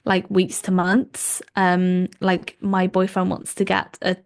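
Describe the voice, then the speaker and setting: A young Welsh woman in her twenties, whose first language is Welsh, chats as a podcast guest in a casual interview, speaking with a Welsh accent. Her lowish, gravelly voice is monotone and slow, yet she's chatty, laughs warmly, and fills her speech with lots of ums and likes.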